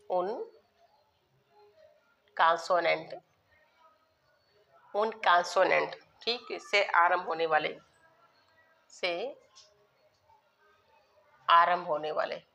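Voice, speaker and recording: A woman's voice: lowish voice, gravelly, bright, forceful tone. A woman teacher giving a grammar lesson, repeating key words and asking her students questions that she then answers herself. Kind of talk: classroom grammar lesson in Hindi, with English terms.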